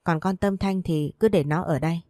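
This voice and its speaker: A woman's voice: lowish voice, moderate pace, mellow, no room sound, studio quality, lightly acted. A woman reading the lines of a fond and bossy older mother from the countryside in a storybook, in a plain read-aloud delivery.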